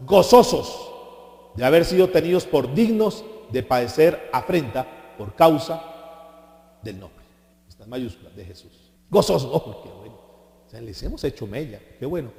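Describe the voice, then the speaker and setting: A pastor delivering a sermon, animated, asking his congregation questions and mimicking people. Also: mid-range voice, moderate pace, creaky. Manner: animated preaching with rhetorical questions and mocking impressions. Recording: echoey hall.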